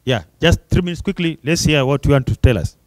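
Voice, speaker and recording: A man's voice: a little high, lively intonation, fast talker, no room sound. A man moderating an event session in an informal, conversational and encouraging way.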